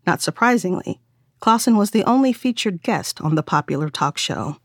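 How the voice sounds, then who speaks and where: A woman reading a novel aloud as narrator, in a wry, measured storytelling manner. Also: fairly low pitch, animated, dry recording, clean studio sound. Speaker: audiobook narrator. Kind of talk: scripted narration.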